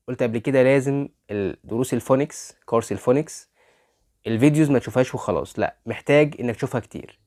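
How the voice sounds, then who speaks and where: A man with an Egyptian Arabic accent teaching a phonics lesson, asking his students rhetorical questions and saying each model word loudly twice. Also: medium pitch. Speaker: English pronunciation teacher.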